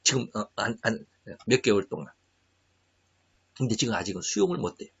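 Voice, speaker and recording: A man preaching a sermon in an earnest, confessional way, often pausing with hesitant fillers. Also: on the low side, sing-song, breathy edge. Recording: dull lo-fi recording.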